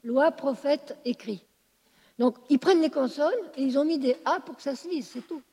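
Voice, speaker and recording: A woman's voice: sits high, moderate pace, mellow. Woman lecturing in a reverberant hall. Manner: explanatory, checks understanding often. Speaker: teacher. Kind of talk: classroom lecture.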